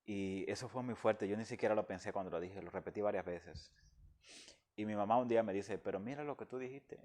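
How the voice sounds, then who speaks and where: A man's voice: lowish voice, steady tone, fairly quick, darkish tone. A man from the Dominican Republic, speaking as a guest and giving an emotional personal testimony in an earnest, heartfelt way.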